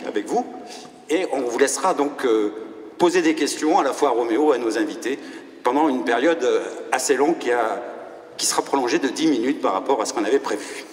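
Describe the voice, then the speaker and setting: A man moderating a live public round table, formal and often searching for his words. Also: medium pitch. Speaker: panel moderator. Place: hall before an audience. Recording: echoey hall with background noise.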